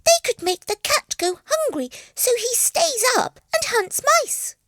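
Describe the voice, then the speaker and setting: A tiny, squeaky young girl mouse from a storybook, anxious and easily excited. Her voice sits very high and leaps about, delivered slowly in a dry, close sound. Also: no room sound, exaggerated voice. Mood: worried. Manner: squeaky, eager. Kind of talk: storybook character voice.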